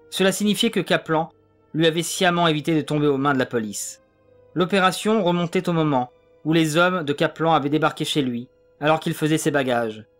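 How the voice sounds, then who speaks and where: A man narrating an audiobook in a steady, measured reading. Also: fairly high pitch. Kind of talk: scripted narration.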